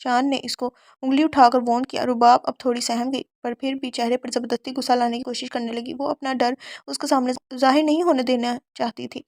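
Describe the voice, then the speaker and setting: A woman reads a romance novel aloud in a high voice. Her delivery stays flat and steady. The recording is dry and close. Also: few pauses, dry recording. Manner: steady storytelling. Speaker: audiobook narrator. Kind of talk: novel narration.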